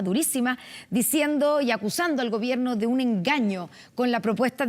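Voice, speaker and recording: A woman with a Chilean accent hosting a political panel in a television studio, brisk and conversational, steering with questions. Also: fairly high pitch. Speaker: TV news host.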